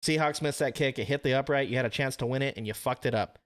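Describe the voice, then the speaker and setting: A man's voice: mid-range voice, fast talker, a bit bright. Young male podcast host, mid-range voice, loose and jokey, curses a lot. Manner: laughs often, swears casually. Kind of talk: casual chat.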